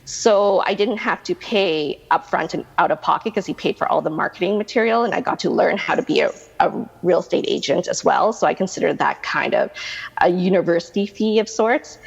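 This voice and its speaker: A realtor in her thirties from Manitoba, Canada, gives chatty, rambling interview answers as a guest, full of fillers and restarts. Her low voice is husky with gravelly fry and moves at a moderate pace. The lo-fi recording sounds dull, with a long reverb like a hall.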